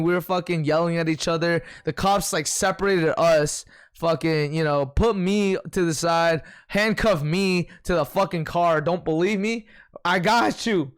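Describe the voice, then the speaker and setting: Young dude streaming, high pitched, cussing a lot, animated casual storytelling. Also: male voice, smooth. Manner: slangy, profane, animated storytelling. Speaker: livestreamer. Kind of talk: casual livestream chat reading viewer comments.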